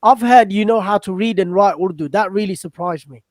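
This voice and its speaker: A man's voice: high voice, fairly quick, no room sound, studio quality. A man hosting a casual interview, chatting and asking his guest questions.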